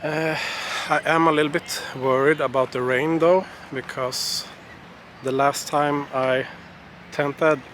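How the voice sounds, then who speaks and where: A man giving a casual travel vlog update outdoors in a hesitant, halting way. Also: mid-range voice, a bit bright, a little hiss or hum. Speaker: travel vlogger.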